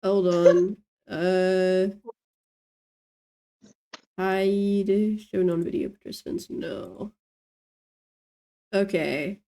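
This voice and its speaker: A woman's voice: fairly low pitch, very slow, pauses often, dark tone. A woman chatting in a casual, offhand way.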